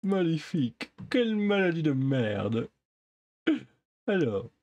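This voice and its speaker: A man's voice: fairly high pitch, big pitch swings, slow, a little mellow, dull audio. A man commenting on a game during a live stream, joking in a mock-pompous way and talking to the game's characters.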